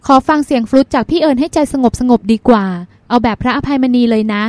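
Dreamy chatty young woman, playful younger sister, read by a woman, high voice, close dry sound. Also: fast, darkish tone, no room sound, lightly acted. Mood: wistful. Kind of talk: audiobook character reading.

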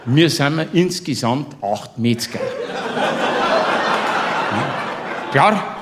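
A man's voice: medium pitch, lively intonation, extremely slow, very noisy. A man with a Bavarian accent telling a comic story in dialect, laughing through it and tossing chummy asides to the listener. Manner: boisterous, keeps laughing through his own tale.

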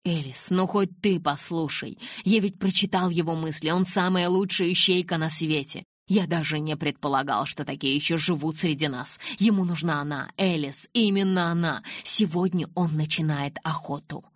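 A woman's voice: sits low, normal speed, few pauses, dry recording, studio quality. A woman voicing a cold, commanding young man who snaps and barks orders, in a storybook reading. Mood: tense. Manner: curt, snapping, barking.

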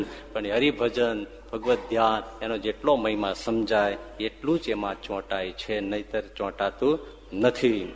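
A man, a swami, telling devotional stories in a sermon, moving between hushed passages and loud, ringing ones. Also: lowish voice, a little hiss or hum. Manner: expressive, swings from hushed to loud. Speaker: swami preacher. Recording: long hall reverb.

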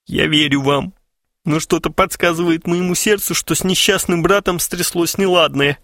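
A man's voice: a little high, expressive, measured pace, fairly bright tone, dry recording, clean studio sound, voice pushed up, exaggerated voice. A man doing a gloomy, theatrical mourner. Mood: mock grief. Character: gloomy shaven man, falsely grieving brother. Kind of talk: audiobook character voice.

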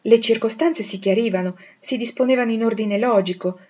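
Woman reading a novel aloud, measured and expressive. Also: a little high. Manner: measured, dramatic, rising on emotional lines. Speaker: audiobook reader. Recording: dull lo-fi recording.

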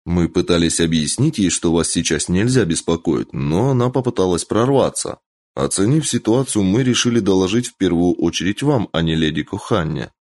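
A dutiful samurai guard, as a male storyteller plays him, speaking low and formally. He reports to his lady in a deferential, measured manner. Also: expressive, darkish tone.

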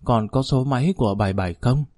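A man voicing a dying old former police chief, warm, reminiscing and fatherly. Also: medium pitch, fast talker, dry recording, clean studio sound, close to an everyday voice. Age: older.

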